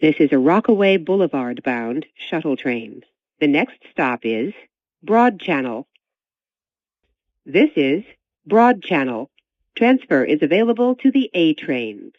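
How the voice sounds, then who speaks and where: A recorded train announcer making onboard stop announcements over the loudspeaker after a chime, in a measured, evenly paced delivery. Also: medium pitch, very animated, no echo. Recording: tinny, dry speaker sound.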